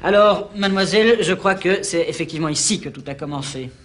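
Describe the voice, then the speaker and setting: An earnest TV field reporter in a parody news report, as a man acts him out. He speaks in a fairly high voice, with a smooth broadcast delivery. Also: brisk, a bit bright.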